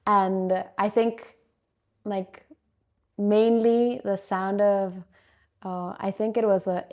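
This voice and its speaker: A woman's voice: mid-range voice, fairly even intonation, slow pace, darkish tone. A woman from Argentina, hosting a podcast and asking friendly interview questions. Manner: friendly, with frequent "yes" replies. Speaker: podcast host.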